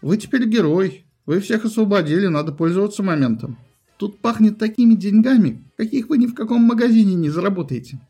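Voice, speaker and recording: A man's voice: sits high, expressive, fairly quick, warm tone, breathy edge, soft background music, pitched above the performer's own voice, full character voice. Man doing a sly fawning schemer. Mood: coaxing. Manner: fawning, persuasive.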